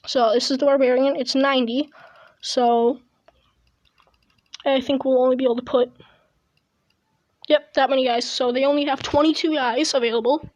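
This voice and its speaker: A woman's voice: high voice, steady tone, normal speed, long pauses. A woman giving casual, rambling gameplay commentary at home, chewing gum, recorded through an earbud mic with many stops and restarts. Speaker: gaming video host. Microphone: earbud headset mic.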